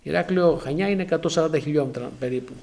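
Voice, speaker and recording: A man in his forties from Crete, preaching a sermon as he tells a personal testimony, acting out dialogue with lively exclamations. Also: on the high side, creaky. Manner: animated storytelling with acted-out dialogue and exclamations.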